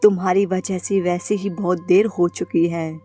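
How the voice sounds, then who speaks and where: A woman's voice: fairly low pitch, fairly even intonation, measured pace, mellow, soft background music. A woman voicing a ruthless female witch who speaks in cold, scornful threats in a horror storybook.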